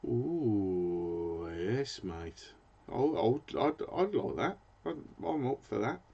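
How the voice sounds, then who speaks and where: A man's voice: mid-range voice, very animated, slow pace, vocal fry, dark tone, breathy edge. A British man hosting a fishing channel, chatting casually in a live stream and rambling as he hunts for words. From Britain. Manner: rambling, hesitant, searches for words. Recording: dull lo-fi sound.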